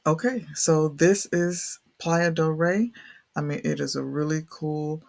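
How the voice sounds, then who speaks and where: Male host, thick Southern US accent, heavy vocal fry, casual rambling tour commentary, folksy and unscripted. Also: a little high, fairly even intonation, a little slow, a little mellow. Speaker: real estate video host.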